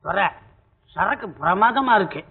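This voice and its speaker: A man's voice: high-pitched, animated, measured pace, vocal fry, breathy edge, full character voice. An actor playing a drunk, weepy male servant who blabbers gossip, in a 1980s film scene on a tinny soundtrack. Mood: tipsy, maudlin. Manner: slurred tipsy blabbering.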